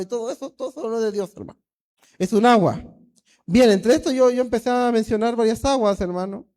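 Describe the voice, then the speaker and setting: Male pastor, Peruvian Spanish accent, high voice, fervent preaching style, constant "hermano" refrains. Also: a little mellow. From Peru. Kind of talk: sermon.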